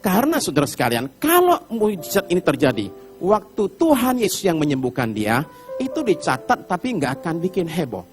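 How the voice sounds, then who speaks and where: Animated preacher man. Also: high voice, brisk, faint music behind. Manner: animated storytelling, acts out Bible characters with shouted pleas. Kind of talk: sermon. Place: church hall.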